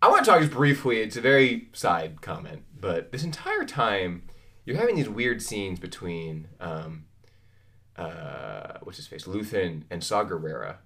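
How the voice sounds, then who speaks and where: A man's voice: low voice, big pitch swings, measured pace, vocal fry, a bit bright. A man co-hosting a casual talk show, acting out scenes with quoted voices and laughing often. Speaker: podcast co-host. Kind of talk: casual chat.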